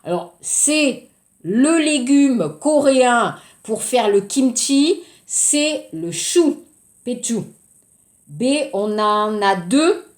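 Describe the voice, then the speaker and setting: Slow-paced woman teaching French. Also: on the high side, expressive, roomy sound. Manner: slow, explaining word by word. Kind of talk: recorded language lesson.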